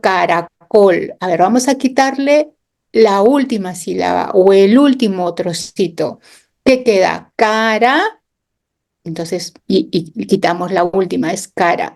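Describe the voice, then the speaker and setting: A woman's voice: medium pitch, creaky, darkish tone. A woman guest on a radio interview, patiently explaining with classroom examples, sounding out words and tagging her points with little questions. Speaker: interview guest, education specialist.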